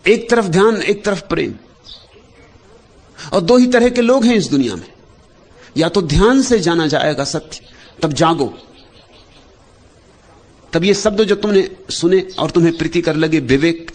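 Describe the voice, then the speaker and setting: A man, speaking as a teacher, gives a meditative spiritual discourse in short, measured phrases with repeated refrains. His voice is a little high.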